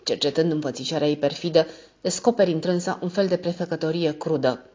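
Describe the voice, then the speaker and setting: Woman reading an audiobook, lowish voice, calm storytelling, muffled lo-fi sound. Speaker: audiobook narrator. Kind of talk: scripted narration.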